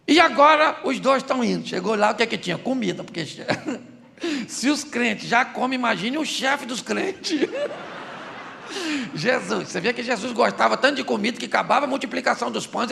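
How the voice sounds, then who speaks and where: High, gravelly Brazilian pastor preaching. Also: male voice, sharp tone, a little hiss or hum. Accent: Brazilian Portuguese. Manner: joking, asks the crowd questions. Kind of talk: humorous sermon.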